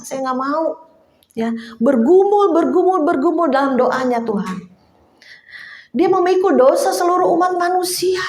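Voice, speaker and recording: A woman's voice: fairly high pitch, a little mellow. A woman preaching a sermon at a prayer fellowship in a chatty, informal way, often stopping to hunt for words and calling her listeners brothers and sisters. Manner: conversational, addresses listeners as brothers and sisters, many fillers. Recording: roomy echo.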